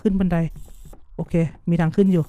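A man's voice: sits high, fairly even intonation, fairly quick, mellow, dry recording. A man streaming a horror game, talking to his viewers and blurting out repeated startled exclamations. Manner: jumpy, blurts repeated exclamations, asks viewers what they hear. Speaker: gaming streamer. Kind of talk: horror game let's-play commentary.

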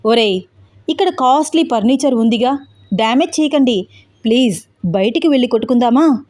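Brief: fearless young hero, unhurried and taunting, woman storyteller reads him. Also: on the high side, expressive, darkish tone, lightly acted. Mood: coolly mocking. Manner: cool, mocking, unhurried. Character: calm fearless young man, mocking fighter.

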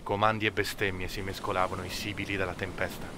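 A man narrating an amateur audiobook in a measured, steady way. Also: sits low, a little hiss or hum. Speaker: audiobook reader.

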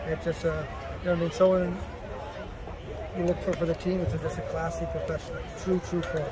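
Coach, high-pitched man, casual halting answers, outdoor stadium crowd behind. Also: flat delivery. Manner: casual, repeats words, many "you know" fillers. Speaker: soccer coach at a postgame press conference. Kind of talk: postgame press conference answers. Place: outdoors at a stadium after a match.

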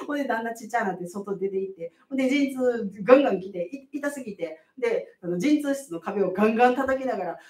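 A middle-aged woman with a Kansai accent talks as a midwife on a casual live stream, animated and emphatic, laughing often. Her high voice swings widely in pitch. The sound is roomy and a little off-mic. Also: fast, far from the mic.

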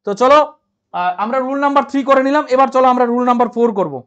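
A man's voice: very high-pitched, very fast, fairly bright tone, dull audio. A man teaching a live online grammar class, repeating each point and checking that everyone understood. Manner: reads out and answers viewer comments, repeats points, asks if clear.

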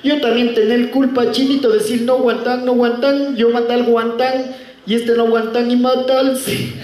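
A man voicing a sobbing widow, in falsetto with broken speech. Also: flat delivery, normal speed, a little mellow. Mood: grieving. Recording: echoey room.

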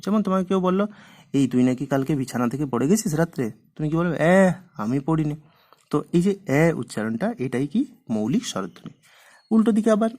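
A man's voice: mid-range voice, a little mellow. Man teaching a grammar lesson. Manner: asks questions and answers them himself.

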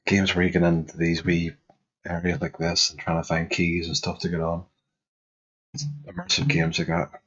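A man in his thirties with a husky voice, giving casual reaction commentary as a gaming YouTuber. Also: sits low, level tone, moderate pace, pauses often, a bit bright, muffled recording. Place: small bedroom. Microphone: headset.

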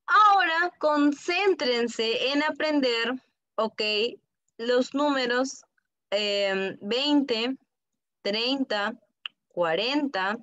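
A woman English teacher, teaching an online class to young children and drilling words slowly and patiently for them to repeat. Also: a little high, a bit bright. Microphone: computer mic on a video call. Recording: muffled video-call audio.

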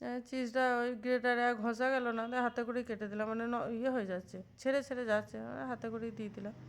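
A woman's voice: fairly high pitch, fairly even intonation, quick pace. A woman in her thirties chatting in a homely, rambling way as she narrates a cooking vlog in her home kitchen. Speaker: housewife vlogger.

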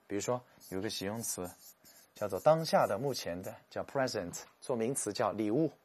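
A man giving a lively, joking English vocabulary lecture, slowing down to sound out English words. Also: on the low side. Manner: animated, jokey, stretches English words slowly to show pronunciation.

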